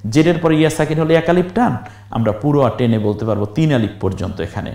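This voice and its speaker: A man's voice: mid-range voice, vocal fry, warm tone. Man teaching Quran recitation, echoey room. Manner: spells out letters slowly, then chants the verse in a stretched singing tone. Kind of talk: step-by-step recitation lesson.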